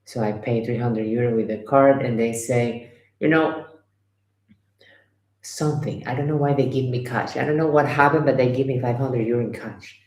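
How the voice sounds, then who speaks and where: A man's voice: medium pitch, normal speed, a little mellow. Rambling man in an echoey room. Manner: rambling, repeats himself, simple phrasing. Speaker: live stream host. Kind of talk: casual storytelling. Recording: echoey room, faint noise.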